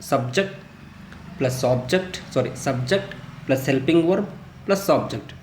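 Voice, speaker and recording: A man teaching grammar, reading his English example sentences slowly and deliberately. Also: mid-range voice, lively intonation, roomy sound, a little hiss or hum. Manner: slow, deliberate English example sentences between quick Kannada explanations. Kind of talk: explaining grammar in a lesson.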